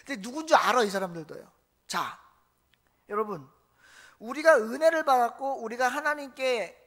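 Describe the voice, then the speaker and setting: Korean pastor preaching with story flair. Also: male voice, extremely high pitch, fairly bright tone. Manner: storytelling, quizzing the congregation, acting out quotes. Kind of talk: sermon.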